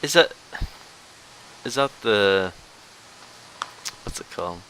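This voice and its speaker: A podcast host with a lowish, animated voice speaks slowly, sounding pushed and bright on a rough recording with hissy background noise. He chats casually about video games in review mode, debating hesitantly and defensively.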